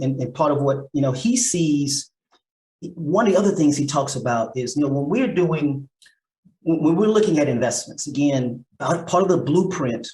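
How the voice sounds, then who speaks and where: A middle-aged man at a medium pitch explains his thinking in a loose, conversational way, restarting his phrases and filling gaps with "you know." The recording has a roomy echo. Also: darkish tone. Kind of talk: casual conversation.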